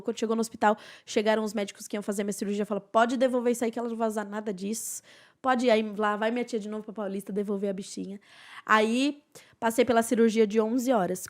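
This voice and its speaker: A young woman recounts her personal story as a podcast guest. Her voice sits a little high, and her telling is earnest and emotional. She often softens into hushed passages. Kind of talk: personal testimony in a podcast interview.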